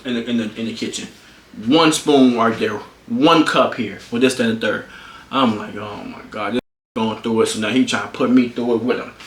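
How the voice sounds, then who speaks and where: Animated young man telling a story, roomy echo. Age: 20s. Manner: animated, swears freely, voice jumps high when worked up. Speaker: streamer. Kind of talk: casual storytelling to camera.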